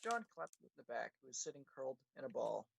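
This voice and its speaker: A man's voice: mid-range voice, very animated, fast, vocal fry, a little hiss or hum, rough recording. A man hosting a livestream, reading his own story aloud in a casual way and correcting himself as he goes. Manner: casual, with self-corrections and laughs. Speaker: livestream host and writer.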